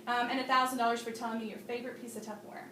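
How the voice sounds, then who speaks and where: A woman's voice: a little high, level tone, racing, sharp tone, a little hiss or hum. Woman, bubbly chatty trainer, roomy room sound, distant mic. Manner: bubbly, chatty, laughs often. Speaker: Tupperware consultant trainer. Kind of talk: training demonstration to a small group. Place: room with guests at a party demo.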